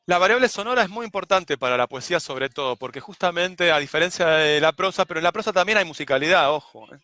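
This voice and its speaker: Bright-voiced poetry teacher. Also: male voice, a little high, lively intonation, no room sound. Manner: measured, demonstrates rhythms with sung syllables. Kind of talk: explanatory lesson on poetics.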